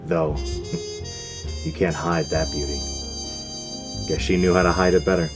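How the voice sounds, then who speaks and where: Over music, a deep-voiced male actor plays a gruff, world-weary New York speakeasy barkeep in a 1920s gangster radio drama. He talks tough in period slang, slowly and steadily, with a wistful, regretful mood.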